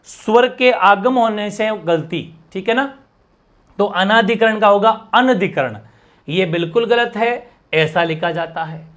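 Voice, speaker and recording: A man's voice: high voice, slow, a bit bright. A male teacher teaching a language lesson for an exam, often checking in with his students and thanking viewers in the chat. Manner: explains with constant check-ins to students.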